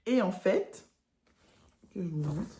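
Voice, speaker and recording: A woman's voice: mid-range voice, expressive, slow pace, mellow, a little hiss or hum. Chatty woman with a northern French accent. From northern France. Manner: chatty, self-mocking, laughs often. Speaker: embroidery vlogger. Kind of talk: casual chat.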